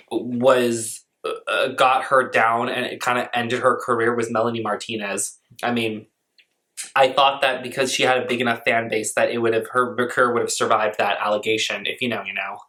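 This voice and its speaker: A man's voice: medium pitch, sharp tone. A man giving casual reaction commentary on a clip, blunt and sarcastic, mocking what he hears. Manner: talks with his mouth full.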